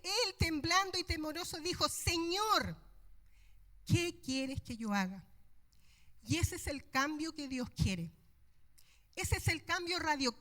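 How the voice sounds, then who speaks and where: A middle-aged woman delivers a sermon from the pulpit in a high, bright-toned voice. She preaches with passion and leans hard on her key words. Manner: impassioned, emphatic preaching.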